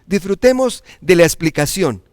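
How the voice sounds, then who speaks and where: A man's voice: high-pitched, animated, moderate pace, noisy background. A man hosting a religious program, enthusiastically introducing and wrapping up the preacher's segments. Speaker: program host.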